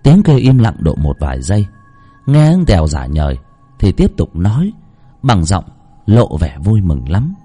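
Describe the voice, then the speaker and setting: A man narrating a ghost story in an expressive, suspenseful way. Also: deep voice, moderate pace, slightly rough. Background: soft background music.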